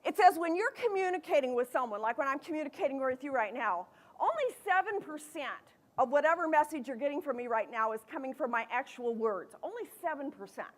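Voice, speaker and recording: A middle-aged American woman with a lively, playful manner, giving a motivational keynote talk to students. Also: high voice, brisk. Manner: lively, playful, acts out quoted voices. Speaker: motivational speaker. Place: large events hall.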